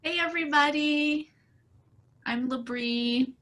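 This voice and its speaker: Woman, bright clear voice, earnest, lots of ums, video call. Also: high-pitched, takes it slowly. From Portland, Oregon area. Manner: warm, earnest, many fillers, gets choked up. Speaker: exhibiting artist. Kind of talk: casual heartfelt remarks on a video call.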